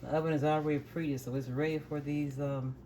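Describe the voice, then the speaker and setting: A woman's voice: low-pitched, steady tone, fast, mellow, a little hiss or hum. Home cook woman scolding her dogs. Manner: firmly scolds barking dogs, then explains steps plainly. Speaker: home cooking video host. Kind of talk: casual cooking demonstration. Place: home kitchen with dogs nearby.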